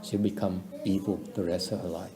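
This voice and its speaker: A man's voice: sits low, flat delivery, moderate pace, a crowd in the background. A man giving a retreat dharma lecture in a temple hall, switching between English and Vietnamese and chuckling often. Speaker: meditation teacher.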